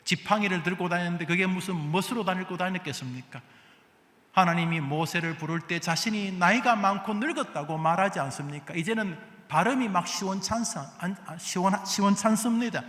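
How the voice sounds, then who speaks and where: A male pastor preaching a Sunday sermon, asking the congregation questions and answering them, swinging between soft asides and loud exhortation. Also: high-pitched, fairly quick. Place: large church sanctuary. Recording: echoey hall with long reverb.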